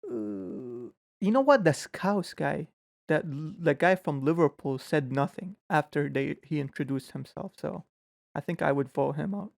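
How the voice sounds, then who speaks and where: Chatty man with a gravelly edge. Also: a little high, expressive, dry recording. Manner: chatty, skeptical, quick to call people out. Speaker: reaction channel host. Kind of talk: casual reaction commentary.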